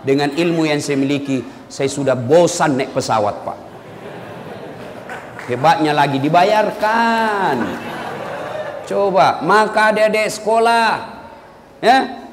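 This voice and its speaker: A man preaching a humorous sermon to a congregation, telling animated jokes and shouting punchlines. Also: high-pitched, measured pace, pauses often, long reverb tail, a little hiss or hum. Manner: animated joking storyteller who shouts punchlines. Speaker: Islamic preacher.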